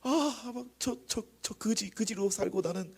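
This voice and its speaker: A man voicing a stingy, miserly man who whines about giving money away in a shrill, high voice. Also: a little slow, creaky, a little mellow, slightly rough, heavily acted. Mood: greedy.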